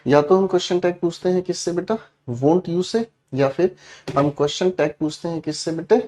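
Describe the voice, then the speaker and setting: A man teaching a classroom lesson, explaining with loud shouted example commands and calling the students "beta". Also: fairly high pitch, moderate pace.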